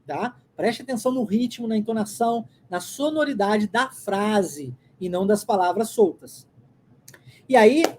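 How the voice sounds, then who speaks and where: A woman's voice: fairly high pitch, a little mellow, breathy edge. Brazilian woman teaching English phrases. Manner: explains patiently, models phrases slowly with rising intonation. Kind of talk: language lesson.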